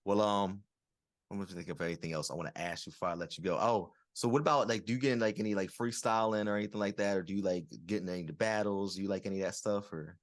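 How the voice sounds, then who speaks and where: A young man in his twenties hosts a podcast, asking questions in a rambling, casual interview style full of fillers and restarts. His voice is lowish and steady, he talks fast, and there is no room sound.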